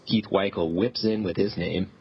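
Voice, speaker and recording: A man's voice: deep voice, fairly even intonation, moderate pace, gravelly, husky, muffled recording. A man from Canada chatting as a podcast guest, easygoing and wry. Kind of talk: casual podcast chat.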